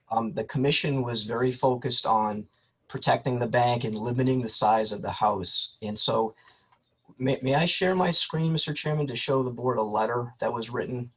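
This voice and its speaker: A man, a lawyer for an applicant, speaking over a landline phone in a measured, orderly way with frequent ums, giving a formal statement to a board. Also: medium pitch, slightly rough. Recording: muffled lo-fi phone line.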